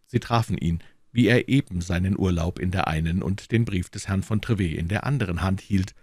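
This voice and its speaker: A man narrating a classic novel as an audiobook, reading in a lively, expressive way. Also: low voice, a little fast, breathy edge, dry recording, studio quality. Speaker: audiobook reader.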